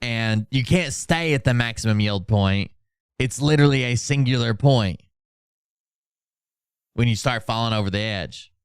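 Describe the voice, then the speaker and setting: This livestream host speaks a little slowly, with long pauses, in a smooth, mid-range voice, captured as clean studio sound with no room sound. Sarcastic and sweary, he casually mocks social media posts and reads them out with mock drama.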